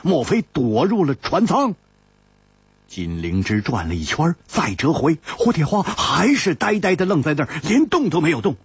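A man's voice: a little high, very animated, slightly rough, no room sound. A man narrating a martial-arts audiobook in a dramatic storytelling style. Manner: slow, dramatic storytelling cadence. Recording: dull lo-fi recording, dry.

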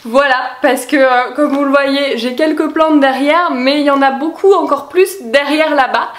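A young woman talks through her favorite products in a casual, bubbly vlog. Her voice sits high, and she fills her sentences with little hesitations and quick laughs. The room around her sounds bright and echoey. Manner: chatty, many fillers, laughs easily. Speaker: lifestyle vlogger. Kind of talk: casual monthly favorites chat. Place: home room with plants.

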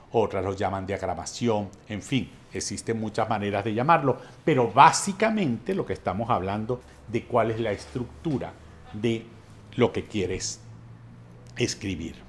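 Middle-aged drama teacher, unhurried and deliberate, lowish voice, punches new ideas. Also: male voice, a little hiss or hum. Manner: measured, explanatory, stresses new points with rising emphasis. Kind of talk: master class lecture.

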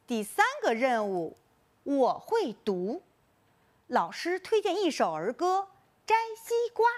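Woman, primary teacher in a recorded lesson; high, very animated, coaxing. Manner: lively, coaxing classroom delivery with drawn-out task titles. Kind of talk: recorded online lesson for first graders.

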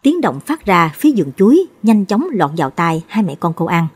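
A woman tells a ghost story in a low, slightly husky voice and at a slightly fast pace, her pitch swinging widely throughout. Each character's lines get their own pitch shift.

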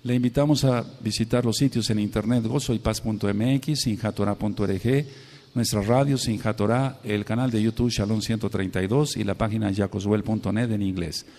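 Preacher in a reverberant hall. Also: male voice, on the low side, steady tone, brisk, darkish tone. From Mexico. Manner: preaching, asks the congregation questions. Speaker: pastor. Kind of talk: sermon teaching.

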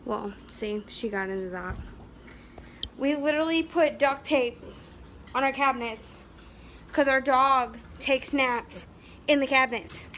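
A woman's voice: high voice, measured pace, pauses often, a bit bright, slight background noise. An American woman vlogging casually at home with a handheld phone, talking about her dog and scolding it now and then. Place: inside a house. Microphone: handheld phone camera.

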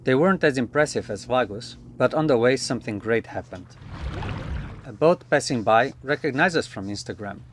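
A man in his thirties narrating a sailing travel vlog in a relaxed, matter-of-fact voice-over. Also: medium pitch, moderate pace, background noise. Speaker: sailing vlogger.

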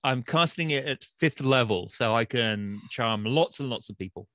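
A man's voice: medium pitch, normal speed, bright, forceful tone, dry recording, clean studio sound. A man playing a tabletop game on a video call, matter-of-fact as he counts up dice rolls. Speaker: player. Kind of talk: casual game talk.

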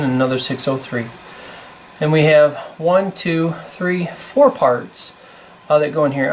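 A man giving a casual hands-on demonstration at a workshop bench, explaining how a fixture works in a relaxed, plain-spoken way with plenty of fillers. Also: on the high side, slight background noise. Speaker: product demonstrator. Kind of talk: casual hands-on product demo.

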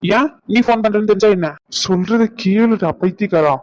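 A man voicing a young hospital worker in a cartoon; he talks in a brisk, bossy way and mixes in English words. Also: high-pitched, muffled recording, lightly acted. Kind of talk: cartoon voice acting.

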